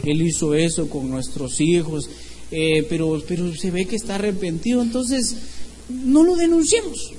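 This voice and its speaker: A man's voice: high-pitched, animated, normal speed, dark tone, pitched below the performer's own voice. A man acting out a parent who hesitantly reasons toward forgiving a repentant offender. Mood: reluctant. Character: forgiving parent weighing mercy. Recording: echoey hall with faint background noise.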